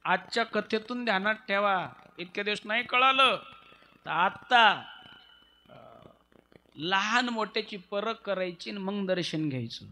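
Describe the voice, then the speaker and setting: High-voiced, slow male preacher. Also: expressive, bright, forceful tone. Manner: calls on the audience to answer back; teasing, conversational. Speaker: devotional preacher. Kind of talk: devotional story sermon.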